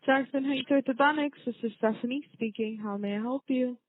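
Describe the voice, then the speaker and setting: Brisk and high-pitched, this woman answers the phone for an orthodontic office, warm and upbeat in a semi-scripted customer service exchange. The call comes through a dry, narrow, tinny telephone line without any room sound.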